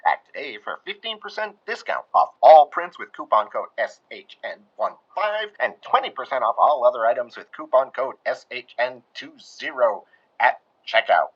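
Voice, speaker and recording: A man voicing a theatrical old-time radio announcer with a booming delivery. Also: very animated, moderate pace, slightly rough. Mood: dramatic. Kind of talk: 1940s radio acting. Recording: dull lo-fi sound.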